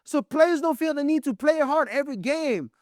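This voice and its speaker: A man's voice: extremely high pitch, animated, moderate pace, a little mellow, no echo, studio quality. A man from Congo giving blunt, emphatic opinion commentary on basketball as the show's host. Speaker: sports commentator.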